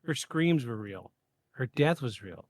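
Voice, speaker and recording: A man hosts a podcast and reads his script in a measured way. He sits at a middle pitch. The sound is close and dry, with no room around it. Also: animated, darkish tone, no echo. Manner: reads a prepared script in a measured way, with stumbles and asides. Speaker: podcast host. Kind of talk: scripted narration of a paranormal case.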